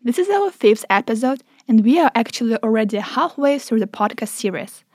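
A young woman from Ukraine hosting a podcast in a studio, asking clear, friendly questions. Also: a little high, animated, a little fast, darkish tone, no echo. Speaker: podcast host. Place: small studio.

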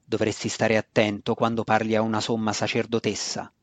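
A man reading an audiobook, voicing a stern, proud dark elf high priestess who speaks with cold, scornful authority. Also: monotone, fairly quick, no room sound, close to an everyday voice. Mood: commanding.

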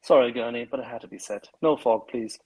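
A man arguing forcefully in a political panel discussion, stressing his points with repeated emphatic phrases. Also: mid-range voice, brisk, breathy edge, rough recording. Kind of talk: impassioned political debate.

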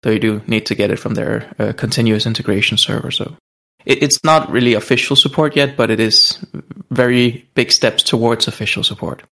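A man's voice: lowish voice, brisk, vocal fry, pushed and bright. A man co-hosting a casual podcast, explaining at length with frequent hesitations. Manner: explanatory, hesitant with many ums. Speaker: podcast co-host. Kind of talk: casual chat.

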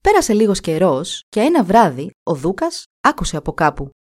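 A woman narrating a fairy tale in an expressive, animated way. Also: medium pitch. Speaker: storyteller.

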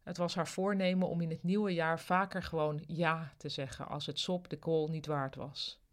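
A narrator reading a serialized office story in an even, dry manner. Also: mid-range voice, normal speed. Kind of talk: scripted narration.

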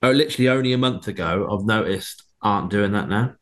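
A man's voice: fairly low pitch, fast talker. A British man chatting casually and informally, with a self-deprecating way of talking. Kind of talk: casual chat.

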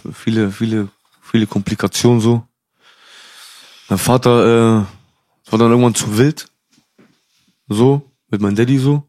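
A man's voice: mid-range voice, fairly even intonation, a little slow, pauses often, darkish tone. A young man from Cuba, a podcast guest, telling stories in casual slangy talk, calling the host bro. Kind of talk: casual storytelling.

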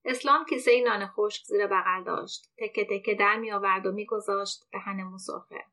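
A woman hosting a podcast, reading a short story aloud in a steady, measured way. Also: mid-range voice. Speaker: podcast host and reader.

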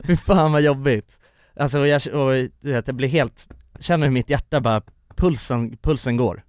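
A young man telling a story in casual chat, animated, acting out the people he quotes. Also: medium pitch, no echo, clean studio sound. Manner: animated, acts out quoted voices, many restarts. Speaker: podcast co-host.

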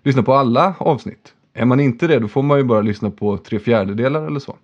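Man, podcast host, chatty and joking, mid-pitched, slightly dull recording. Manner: chatty, joking, swears casually. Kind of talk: casual podcast chat.

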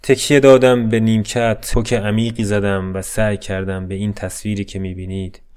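Man reading a short story, low and even, subdued, faint music under it. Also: clear, resonant tone. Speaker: narrator. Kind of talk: scripted narration of a short story.

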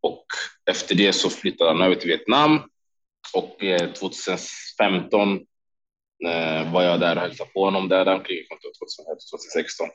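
A man from Sweden, a former kickboxing champion, telling stories as a podcast guest, animated and quoting people in lively bursts with frequent laughs. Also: deep voice, lo-fi sound, slight background noise. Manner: animated, quotes himself and others in lively bursts, laughs often. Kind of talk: casual storytelling interview.

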